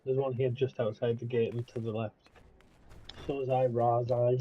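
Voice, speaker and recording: A man's voice: medium pitch, little pitch movement, moderate pace, husky, dull audio. A man chatting casually during a co-op game, given to mild mock-swearing. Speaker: gamer in a co-op let's play. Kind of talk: casual gaming chat.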